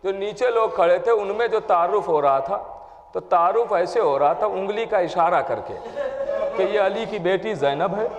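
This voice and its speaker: High-voiced cleric in an echoing hall. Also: male voice. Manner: emotive dramatic storytelling, voicing the people in the story. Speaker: Shia cleric giving a mourning sermon. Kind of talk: majlis sermon narration. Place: mourning gathering hall. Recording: long hall reverb.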